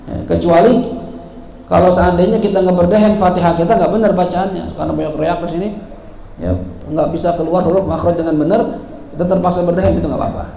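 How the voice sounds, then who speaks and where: Male religious teacher, high voice, playful sermon style, recorded in an echoey prayer hall with faint room noise. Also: steady tone, fast, gravelly, mellow. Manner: playful, acts out examples, laughs often.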